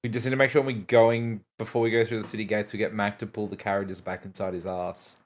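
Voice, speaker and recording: A man playing a tabletop game, joking in quick bursts. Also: fairly low pitch, flat delivery. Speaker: player. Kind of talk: casual tabletop play.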